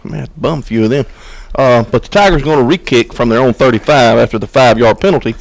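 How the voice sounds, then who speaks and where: Easygoing sportscaster, mid-pitched, casual local broadcast. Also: male voice, quick pace, vocal fry, no echo, poor audio. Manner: easygoing, joking between plays. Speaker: play-by-play announcer. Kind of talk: relaxed local sports commentary.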